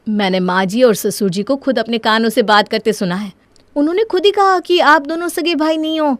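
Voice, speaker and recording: Cartoon role: a coaxing, insistent young wife stirring up trouble, played by a woman, fairly high voice, dry sound. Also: a little fast, no room sound, natural voice. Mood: scheming.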